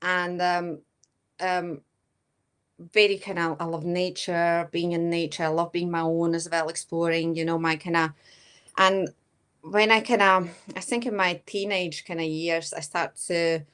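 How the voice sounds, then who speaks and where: A Latvian woman in her thirties answers interview questions as a medium-level guest, sounding hesitant and leaning on fillers, often saying "kinda." Her Latvian accent carries a hint of Scottish. Her voice is fairly low, smooth and fairly bright, with a level tone and measured pace.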